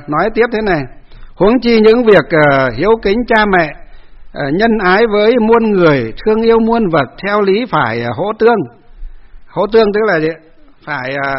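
High-voiced monk telling a story. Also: male voice, dull audio. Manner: chatty storytelling, many fillers, acts out quarrels. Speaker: Buddhist monk. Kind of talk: dharma talk with personal story.

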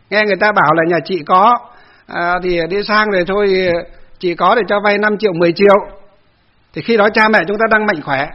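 High-voiced monk telling a story. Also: male voice, muffled recording. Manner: chatty storytelling, many fillers, acts out quarrels. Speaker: Buddhist monk. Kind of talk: dharma talk with personal story.

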